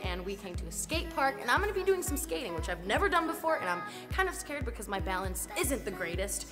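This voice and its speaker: A woman in her twenties from Finland presenting a challenge vlog to camera in a casual, excitable, nervously chatty way. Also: fairly high pitch. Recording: music behind the voice. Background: music.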